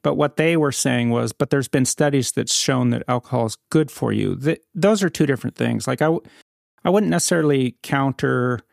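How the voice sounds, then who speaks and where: Gravelly-voiced guy on a chat show, pushes back calmly, uses analogies, dry mic. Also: medium pitch, dry recording. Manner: measured, argumentative, uses analogies. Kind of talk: casual chat.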